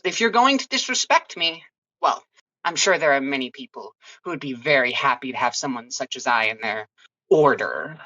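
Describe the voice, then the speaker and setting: A haughty pony mage from another world with a formal, affronted way of speaking, as a woman puts her on. Her voice is low and bright, heard through a dull, muffled recording. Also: steady tone, normal speed, no echo, full character voice. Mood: indignant.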